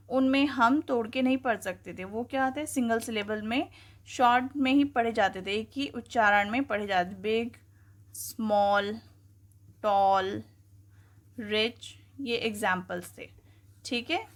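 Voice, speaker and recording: A woman teaching grammar, asking questions and answering them herself. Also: a little high. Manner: explains slowly, asking and answering her own questions. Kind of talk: classroom-style lesson.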